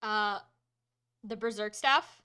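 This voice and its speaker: A woman's voice: medium pitch, sharp tone, clear, resonant tone. A woman narrating a tabletop game as game master in a casual, colloquial, improvised way. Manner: halting, colloquial, full of 'like'.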